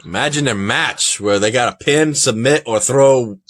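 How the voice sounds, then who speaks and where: A man hosting a casual podcast review, talking in an animated way, reading results aloud and laughing often. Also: medium pitch, moderate pace. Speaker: podcast host.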